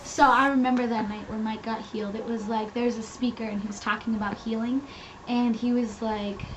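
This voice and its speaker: A woman's voice: fairly high pitch, steady tone, fairly quick. A young woman from New England telling a personal story in a casual, rambling way with many fillers, on a webcam mic. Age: young adult. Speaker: vlogger. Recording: dull lo-fi with loud hiss.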